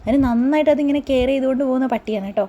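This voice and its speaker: A woman's voice: high-pitched, rapid-fire, warm tone, highs cut off. A woman vlogger narrating her day in a rambling, chatty voice-over, full of tag words.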